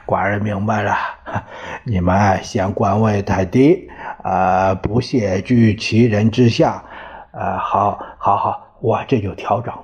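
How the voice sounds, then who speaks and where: A man's voice: on the low side, steady tone, takes it slowly, darkish tone, slightly rough. A man voicing a hearty, commanding ancient duke who laughs and coaxes, in a told story. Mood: placating. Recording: dull lo-fi recording.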